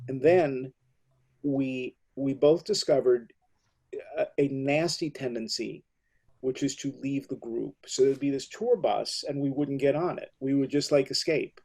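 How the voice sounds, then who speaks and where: A man's voice: medium pitch, a little slow, a little mellow. A middle-aged American man hosting an interview, telling rambling, enthusiastic stories. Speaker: host. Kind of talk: casual interview talk.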